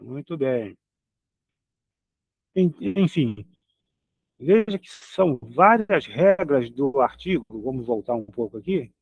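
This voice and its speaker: A man's voice: medium pitch, very animated, takes it slowly, pauses often, husky, dry recording, dull audio. A man teaching a recorded Hebrew grammar lesson, patiently repeating each example word.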